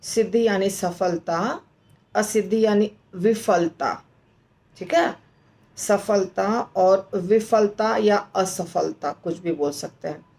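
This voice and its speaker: A woman teaching how to pronounce and recite a verse, explaining slowly and patiently and chanting the lines. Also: medium pitch, a little mellow. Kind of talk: slow recitation lesson.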